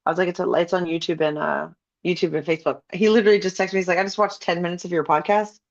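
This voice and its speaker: A woman's voice: on the low side, fairly even intonation, rapid-fire, muffled recording. A woman in her thirties co-hosting a podcast from home in casual chat, giggly and rambling, often restarting her sentences. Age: 30s. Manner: giggly, rambling, self-interrupting. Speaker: podcast co-host. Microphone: streaming setup.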